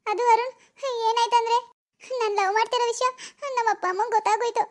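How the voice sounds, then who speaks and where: A woman voicing an anxious teenage village schoolgirl in a cartoon, fretting in hushed scheming asides. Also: extremely high pitch, steady tone, quick pace. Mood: urgent. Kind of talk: cartoon voice acting.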